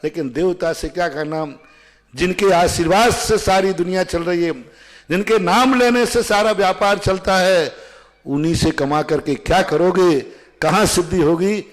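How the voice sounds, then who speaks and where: A man's voice: high voice, measured pace. A man giving a religious question-and-answer discourse, chatty and storytelling, often laughing.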